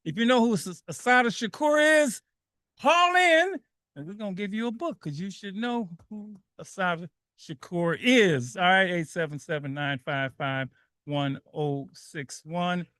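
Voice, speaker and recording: High bright-voiced man hosting call-in radio. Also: unhurried, clean tone, dry recording, clean studio sound. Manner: energetic, repeats phrases, laughs easily. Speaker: radio show host. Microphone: studio microphone.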